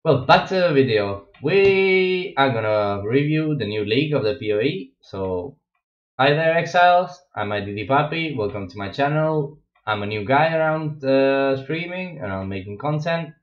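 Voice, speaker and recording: A young man born in Russia speaks with a Russian accent in a mid-range voice, his intonation lively and his speed normal. He's streaming from his gaming room, chatting casually and rambling with lots of fillers and restarts. A wireless headset captures him on an echoey, dull lo-fi home mic.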